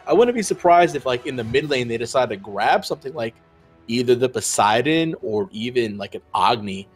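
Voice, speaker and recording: A man's voice: medium pitch, animated, a little fast, faint music behind. A man casting a video game match, talking through picks with lots of fillers and restarts. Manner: rambling, filler-heavy analysis. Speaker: esports caster. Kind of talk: esports casting commentary.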